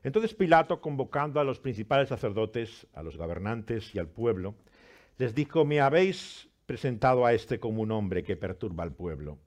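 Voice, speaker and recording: Low-voiced man reading scripture, preaching. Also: darkish tone. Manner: reads scripture with dramatic rises and falls, then preaches earnestly.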